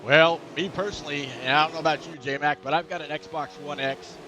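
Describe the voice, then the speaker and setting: Guy doing chatty sim race play-by-play, kinda high voice, lots of uhs. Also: fairly even intonation, brisk, background noise. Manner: chatty, digressive, many fillers. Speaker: race commentator. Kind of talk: sim racing commentary.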